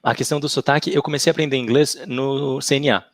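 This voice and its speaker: A man's voice: mid-range voice, steady tone, fast, fairly bright tone, no echo, clean studio sound. A man talking as a podcast guest over a video call, a chatty storyteller who tags his sentences with "né". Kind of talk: casual podcast chat.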